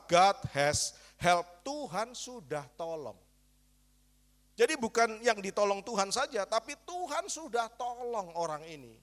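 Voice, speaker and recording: A male pastor with a high voice preaches to his congregation. He keeps asking them questions, coaxing and teasing as he goes. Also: a bit bright. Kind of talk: sermon.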